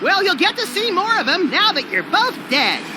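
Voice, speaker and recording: A tiny manic cartoon rabbit with a high, bouncy voice. He is flippant and gleefully rude, a game sidekick heard over clearly noisy ambience. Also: huge pitch swings, moderate pace, exaggerated voice. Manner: flippant, snide. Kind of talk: cartoon video game voice acting.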